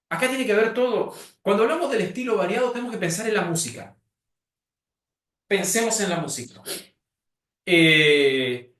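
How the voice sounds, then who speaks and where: Lively Argentine man lecturing, echoey. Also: high-pitched. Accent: Argentine Spanish. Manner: emphatic, shifts pace and tone to illustrate points. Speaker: communication skills teacher. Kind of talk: classroom lecture. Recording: echoey room from a distance.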